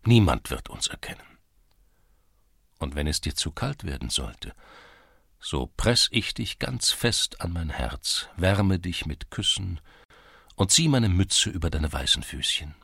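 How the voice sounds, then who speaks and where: A man's voice: low-pitched, animated, a little slow, gravelly, pushed and bright, breathy edge, no room sound, studio quality, heavily acted. A man voicing an ardent young lovesick Cossack in an audiobook, pleading and tender. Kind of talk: audiobook character reading.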